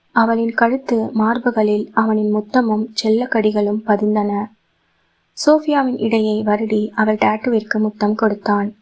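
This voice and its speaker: A woman reads a romantic audio novel aloud in a soft, steady voice. Her pitch sits a little high and barely moves, keeping the narration even and calm. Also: rough recording. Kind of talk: scripted romantic story narration.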